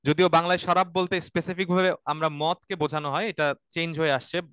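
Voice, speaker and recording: A man's voice: fairly high pitch, fairly even intonation, a little fast, fairly bright tone, clear, resonant tone. A man teaching a Quranic Arabic class. He explains step by step and repeats words for students to say after him. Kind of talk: online class lecture.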